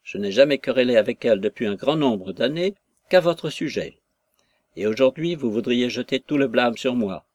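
A man's voice: medium pitch, a little mellow, no echo, close to an everyday voice. A man reading aloud, voicing a quarrelsome old country father who fires indignant, accusing questions.

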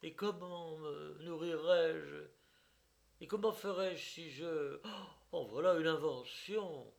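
A man voicing a flighty, pretty young woman who is capricious and quick to take offence, in a read-aloud story. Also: fairly high pitch, gravelly, pitched above the performer's own voice. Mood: indignant. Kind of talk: audiobook character voice.

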